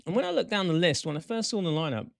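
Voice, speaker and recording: A man hosting a chat show, excitable and talkative. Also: high-pitched, quick pace, creaky, no echo, clean studio sound. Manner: excitable, chatty, animated. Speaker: podcast host.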